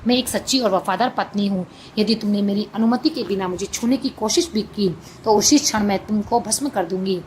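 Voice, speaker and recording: A woman's voice: mid-range voice, brisk, hardly any pauses, darkish tone, a little hiss or hum, natural voice. A woman doing a virtuous captive queen. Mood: resolute. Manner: pleading, then resolute.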